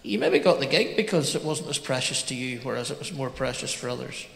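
A man's voice: mid-range voice, sing-song, brisk, vocal fry, a bit bright. A man hosting a live on-stage interview, asking enthusiastic, rambling questions. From Northern Ireland. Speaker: podcast host, interviewer. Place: large hall before a live audience. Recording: echoey hall with long reverb.

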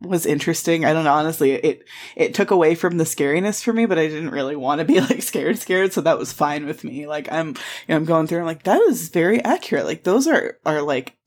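A podcast co-host with a low voice talks quickly in a casual chat. She tells stories animatedly, laughing often and swearing freely.

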